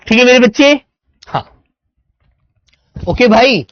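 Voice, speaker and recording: Guy teaching hindi online, dictates words slowly, kinda dull dry audio. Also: very high-pitched, animated, no echo. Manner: dictating words slowly, calling students "beta". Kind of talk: online class lecture.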